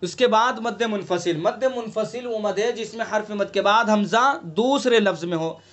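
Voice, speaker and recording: This Quran recitation teacher, a man with a Delhi Urdu accent, holds an online class where he patiently explains, asks students questions, and stretches sounds to model them. His high voice moves at a moderate pace and is a touch bright.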